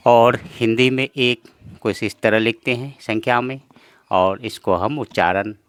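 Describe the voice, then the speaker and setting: Patient male teacher, lowish voice, repeats each point, dry close sound. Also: a bit bright, no room sound. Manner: patient, repetitive, addresses viewers as friends. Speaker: language teacher. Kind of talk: slow explanatory lesson.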